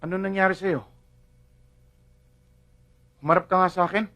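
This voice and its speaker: A man's voice: high voice, fairly even intonation, moderate pace, sharp tone, no echo. A middle-aged actor playing a father who insistently defends his son. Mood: indignant. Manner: indignant, insistent. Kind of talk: film drama acting.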